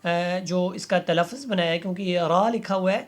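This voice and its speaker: Guy teaching quran letters, stretches each sound out slow then explains, patient. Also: sits high. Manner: slow drawn-out letter recitation between explanations; patient instructive tone, asks learners to repeat. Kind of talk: step-by-step recitation lesson.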